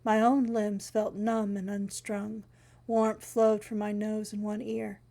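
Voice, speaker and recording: Woman narrator, scripted story reading, steady and wry. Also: mid-range voice, takes it slowly, creaky.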